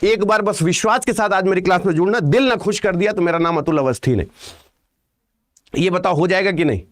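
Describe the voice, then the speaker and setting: High-pitched, loud male teacher. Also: fairly quick. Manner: loud, emphatic, calling out to students with rhetorical questions. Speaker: reasoning teacher. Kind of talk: exam-prep lecture.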